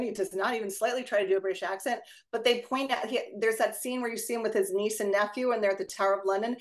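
A woman hosts a discussion over a video call, speaking at a middle pitch. She talks in loose, chatty runs full of asides and self-corrections, like someone thinking aloud among colleagues. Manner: chatty, digressive, quick asides. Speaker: discussion leader.

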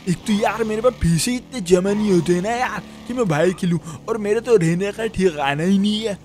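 A man's voice: sits high, moderate pace, a little mellow, a little hiss or hum, lightly acted. A young man with a Pakistani Urdu accent, voicing a broke, chatty shop helper in a GTA role-play who rambles to himself with frequent chuckles. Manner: rambling self-talk, frequent chuckles and "yaar".

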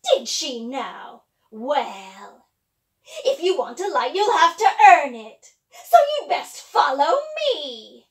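A woman voicing a fierce, hungry old witch who chants loud threats. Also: sits high, sing-song, slow pace, recorded from a distance, exaggerated voice. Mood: menacing.

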